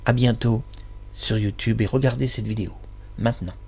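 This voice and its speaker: A man's voice: medium pitch, steady tone, normal speed, creaky, darkish tone, slightly rough, faint music behind. A man hosting his own channel, talking in a casual monologue that is effusive, rambling and self-praising. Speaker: channel host.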